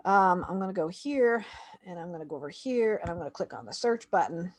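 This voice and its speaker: A woman's voice: fairly low pitch, animated, brisk. A woman reviewing a homeschool website, talking casually and thinking aloud as she clicks through it. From Canada. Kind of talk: screen-share website walkthrough.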